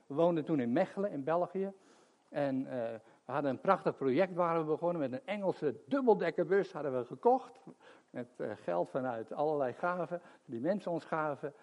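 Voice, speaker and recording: A man's voice: a little high, animated, moderate pace, a little mellow. An older man preaching a sermon and telling stories between chuckles. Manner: chatty storytelling with chuckles.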